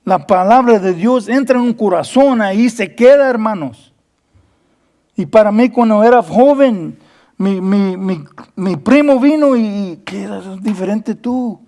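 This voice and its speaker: A man's voice: high voice, lively intonation, unhurried, warm tone. A man preaching a Bible study sermon as pastor, earnest, repeating words and acting out quoted dialogue, slipping between Spanish and English.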